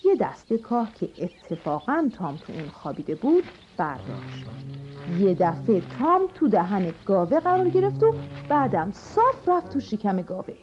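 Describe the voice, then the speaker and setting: Animated woman telling a children's story. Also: medium pitch. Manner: animated, expressive. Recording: dull lo-fi audio with music.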